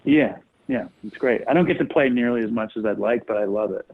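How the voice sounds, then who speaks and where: A man's voice: medium pitch, brisk, slightly rough. A male podcast guest talking casually and hesitantly, with many ums and restarts, over a remote call. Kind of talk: casual interview chat. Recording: tinny phone-line audio.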